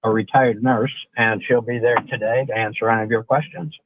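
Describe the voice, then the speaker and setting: A man phones in from his car, and the call gives his voice a hollow, cave-like echo. The line is thin and phone-like. He sits at a middle pitch and talks in an upbeat, easygoing way as a store owner. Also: steady tone, a little fast. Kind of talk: casual phone-in chat.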